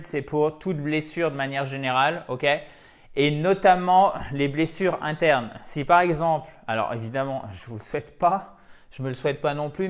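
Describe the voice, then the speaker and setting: Male teacher, native French speaker, chatty online English lesson, drills pronunciation by repeating words, mid pitch. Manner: chatty, addresses viewers as dear friends. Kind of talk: lively video lesson.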